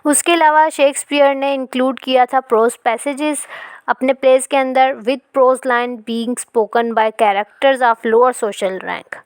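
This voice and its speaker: A woman teaching a literature lesson. She explains in Hindi, reads English passages slowly, and often checks in with "ठीक है". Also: high-pitched, fairly even intonation, smooth, no echo.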